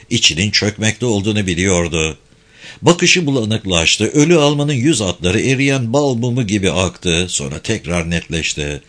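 Expressive male audiobook narrator. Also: medium pitch. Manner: expressive, tense storytelling.

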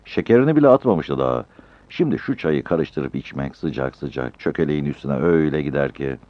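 Man reading a story, really deep voice, calm, bit muffled dry audio. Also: moderate pace, dry recording. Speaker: narrator. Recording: dull lo-fi dry recording.

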